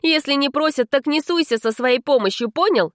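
A woman voicing a proud, touchy young vampire woman in an audiobook, speaking in a sharp, scolding way. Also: high voice, fairly quick, dry recording, clean studio sound, pitched above the performer's own voice. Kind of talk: audiobook character reading.

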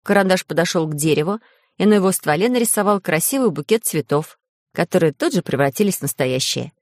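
A woman narrating a children's audiobook in a lively, expressive way. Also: lowish voice, quick pace, no echo, clean studio sound.

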